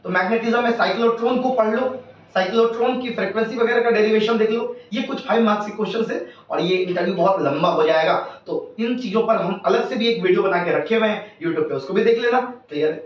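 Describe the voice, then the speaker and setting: A man's voice: high voice, quick pace. A man who teaches physics, giving emphatic exam tips as an interview guest and rattling off lists of topics. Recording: echoey, distant, dull room sound.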